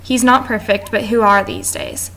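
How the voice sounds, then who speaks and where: A woman's voice: mid-range voice, wildly swooping pitch, normal speed, vocal fry, a bit bright, a little hiss or hum. Woman reading a class presentation. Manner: reads from notes with small stumbles and restarts. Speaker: student presenter.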